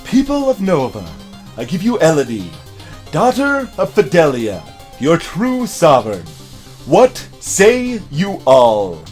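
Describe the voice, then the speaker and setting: A man voicing a solemn priestess in a video game, proclaiming in a stately, drawn-out, ceremonial way. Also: fairly high pitch, wildly swooping pitch, a little mellow, faint music behind, exaggerated voice.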